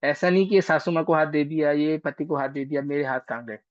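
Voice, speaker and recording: A man's voice: fairly high pitch, quick pace, no echo. Chatty male astrologer teaching online. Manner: chatty, teasing, coaxing students along. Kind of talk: casual online class. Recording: dry, dull lo-fi call audio.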